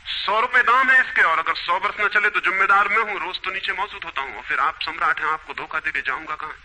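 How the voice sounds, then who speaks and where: A man's voice: high voice, fast, bright, forceful tone, slight background noise, rough recording. A man voicing a cunning street fan seller who talks in a glib, persuasive way.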